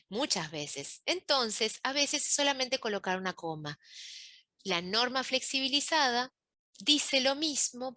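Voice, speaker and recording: A woman's voice: mid-range voice, pushed and bright, dry recording. A woman coach, giving a webinar talk and explaining step by step, often checking in with "¿sí?". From Uruguay. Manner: explanatory, asks rhetorical checks.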